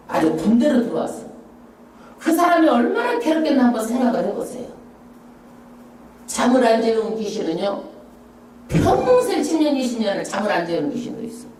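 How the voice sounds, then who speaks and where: Woman pastor preaching, lots of rhetorical questions, voice jumps all over, big echoey church hall, kind of far from the mic. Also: slight background noise. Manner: emphatic, rhetorical questions, lively swoops in pitch. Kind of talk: Bible-study sermon with congregational reading. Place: church sanctuary.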